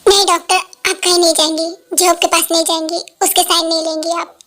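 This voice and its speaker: A woman's voice: extremely high pitch, level tone, brisk, fairly bright tone. A woman playing a desperate dying mother. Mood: desperate begging. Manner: begging, urgent. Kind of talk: Hindi fan dub.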